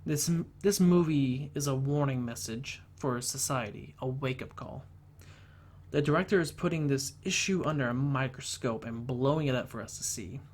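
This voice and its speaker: A man reviewing a film, talking earnestly and haltingly, often restarting his sentences. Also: mid-range voice, slight background noise.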